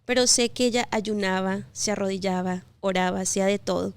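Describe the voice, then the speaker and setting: A Colombian woman in her thirties, an interview guest, recounts her life story in a personal testimony, gently and reflectively, with pauses and fillers. Her voice is smooth and medium-pitched, with fairly even intonation.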